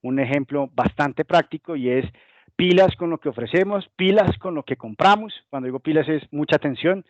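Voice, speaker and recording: A man from Colombia, speaking with a Colombian Spanish accent, walks a webinar audience through business topics and occasionally imitates what companies say. His fairly high voice moves at a normal pace in a muffled recording without echo.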